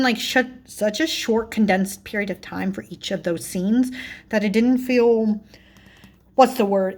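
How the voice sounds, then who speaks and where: A woman in mid pitch talks through a book review in an easy, rambling way. She leans on filler words and restarts her sentences, keeping it loose and conversational. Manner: chatty, filler-heavy, self-correcting, frequent laughs. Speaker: book and tarot vlogger. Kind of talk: casual book review chat.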